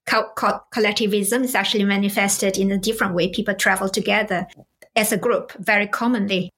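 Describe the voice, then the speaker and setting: A Malaysian woman, appearing as a guest expert on cross-cultural business, explains cultural ideas conversationally, using rhetorical questions and many fillers. Her mid-range voice is steady, brisk and fairly bright.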